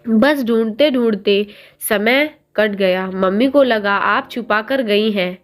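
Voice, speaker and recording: A teenage schoolboy pleads through sobs in a slow, choked storybook voice, read by a woman. The voice sits fairly high, with soft music playing faintly underneath. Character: tearful teenage schoolboy begging his sister-in-law.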